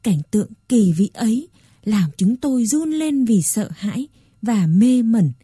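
A woman narrating a story in a soft, even, scripted reading. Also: a little high, measured pace, husky, dry recording, studio quality.

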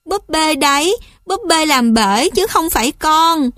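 A woman's voice: high-pitched, slow pace, no echo, studio quality. A woman voicing a small frightened child who pleads tearfully in a storybook reading.

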